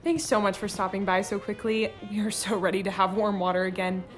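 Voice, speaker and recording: Woman as friendly chatty cartoon mom, medium pitch, bit of music behind. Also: fairly quick, close to an everyday voice. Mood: welcoming, grateful. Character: friendly, welcoming mother of a young child. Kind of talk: animated film dialogue.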